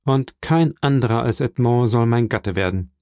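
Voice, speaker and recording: Guy doing a proud young fisher girl, voice pushed up higher, earnest and firm, dry close sound. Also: normal speed, darkish tone, no echo, natural voice. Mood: cold, resolute. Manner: raised pitch, earnest pleading tone. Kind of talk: audiobook reading.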